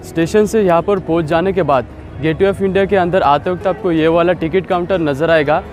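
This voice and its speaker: A man gives practical travel directions in a voice-over, pitched a little higher than most men. Faint music runs underneath. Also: moderate pace, a little mellow. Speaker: travel vlogger. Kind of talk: scripted travel guide voice-over.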